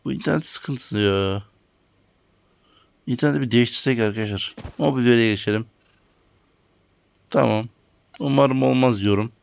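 A man's voice: medium pitch, normal speed, gravelly, long pauses, no room sound. A man giving casual commentary on his own game, talking to viewers and grumbling about lag. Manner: talks to viewers while playing, grumbling at lag. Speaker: gaming channel host. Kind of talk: casual let's-play commentary.

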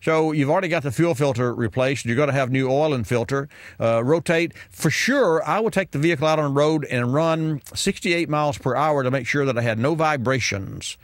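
A man in his fifties hosts a call-in car advice radio show, chatting casually and rambling with plenty of fillers and restarts. His voice is a little high and brisk, with no echo. He sits in a radio studio in front of a colorful sign backdrop, wearing headphones at a studio mic on a boom arm.

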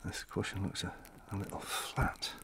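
In an audio-play monologue, an actor plays a gentle, wistful elderly widower who is fussily defensive, telling his story reflectively and haltingly. The voice sounds natural, with a little hiss or hum.

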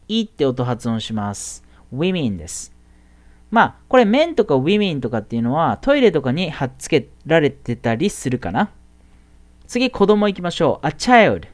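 Low-voiced woman teaching English, lively intonation. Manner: chatty, drawls English example words slowly. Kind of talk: casual lecture to middle schoolers.

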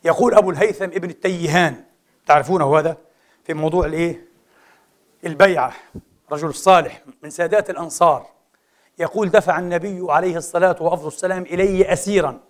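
A middle-aged man preaching a sermon, animated and full of rhetorical questions and quick asides. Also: a little high.

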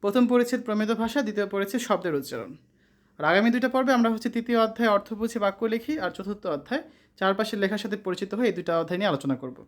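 A tutor from Bangladesh works through exam questions and their answers as a voice-over. The delivery is brisk and steady, at a middling pitch. Each question is read and answered in turn, with no pause for chat. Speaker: online tutor.

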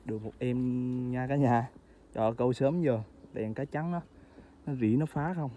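A man narrating a casual food vlog outdoors by a stream, chatting to his viewers as family with excited exclamations. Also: medium pitch, moderate pace, a little hiss or hum. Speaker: food vlogger.

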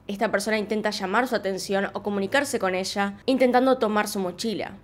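A young woman with an Argentine accent narrates a true-crime case in a calm, measured way, her voice at a middle pitch. She speaks close to a desk mic in her living room. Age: young adult. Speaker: true-crime vlogger host. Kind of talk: scripted narration. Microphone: studio mic on desk.

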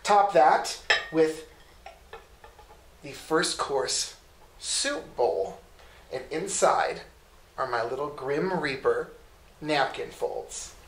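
Slow-talking man host in an echoey room. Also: fairly high pitch, a little hiss or hum. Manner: measured, proud show-and-tell. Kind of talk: home entertaining demonstration. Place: candlelit home dining room.

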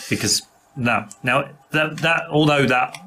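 A man's voice: medium pitch, measured pace, pushed and bright. A man co-hosting a casual podcast chat, who says "absolutely" a lot and restarts his sentences often. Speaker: podcast co-host.

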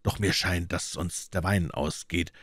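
A man reading a brooding, hard-drinking noble musketeer in an audiobook, with low, subdued, grim delivery. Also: fairly even intonation, a little slow, fairly bright tone, no echo, clean studio sound. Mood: grim, bitter.

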